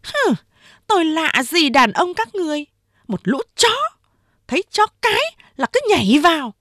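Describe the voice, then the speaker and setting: A woman voicing a jealous, sharp-tongued young woman who scolds and mocks in a high, scornful voice. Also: animated, moderate pace, no room sound, clean studio sound.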